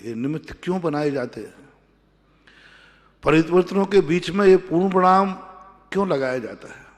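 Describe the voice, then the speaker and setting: A man giving a sermon as a Jain monk, emphatic and repeating his phrases with measured pauses. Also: fairly high pitch. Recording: long hall reverb.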